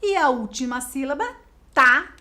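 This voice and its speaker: A Brazilian woman teaching a video lesson to schoolchildren, explaining slowly and spelling out words clearly. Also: high voice, expressive, a bit bright. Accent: Brazilian Portuguese.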